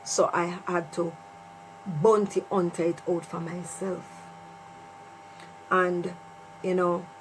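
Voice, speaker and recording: A middle-aged woman with a Jamaican accent casually shares a personal story with her viewers, repeating phrases for emphasis. Her voice is on the low side, and the low-quality recording has distinct mains hum and noise.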